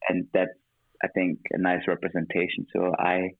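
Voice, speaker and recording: A man's voice: low-pitched, moderate pace, breathy edge, no room sound. A man from Germany with a German-tinged, mixed international accent, a guest talking openly in an interview and laughing often. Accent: German-tinged mixed international English. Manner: laughs often, relaxed and open. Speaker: guest, music director. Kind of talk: interview conversation. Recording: dry tinny phone-like line.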